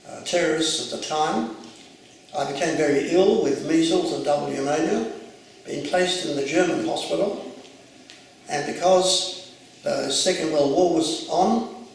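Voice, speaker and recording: A retired clergyman in his eighties from Jerusalem, Mandatory Palestine, who first grew up speaking Arabic, recalls his childhood for an oral history in calm, measured, reflective storytelling. His voice is somewhat high and gravelly. He sounds far from the mic in a very echoey room with a faint hiss.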